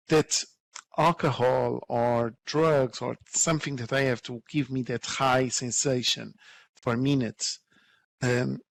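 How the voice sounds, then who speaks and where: A male nurse and educator giving a conference talk in a gravelly, creaky voice at a middle pitch. He speaks earnestly and from the heart, pausing often and repeating words as he searches for the next thought. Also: a bit bright, no echo. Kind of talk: conference presentation.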